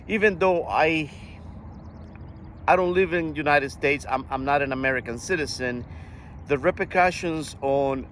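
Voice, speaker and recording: An older man from Costa Rica talking earnestly in a casual monologue, often halting and restarting his sentences. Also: fairly high pitch, a bit bright, a little hiss or hum. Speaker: vlogger.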